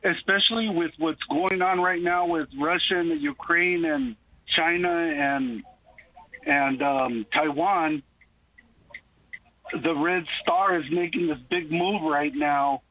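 High-voiced man calling in over the phone. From Texas, USA. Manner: earnest, halting with fillers. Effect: heard over the phone. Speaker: caller. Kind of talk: call-in question. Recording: tinny phone line with faint noise.

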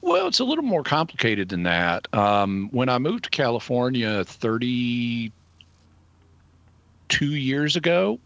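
A middle-aged man with an Arkansas Southern accent, explaining things conversationally in a deliberate, halting, analytical way. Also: medium pitch, huge pitch swings, creaky, fairly bright tone, dry recording, highs cut off. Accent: Arkansas Southern American. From Arkansas, United States. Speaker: guest answering listener questions.

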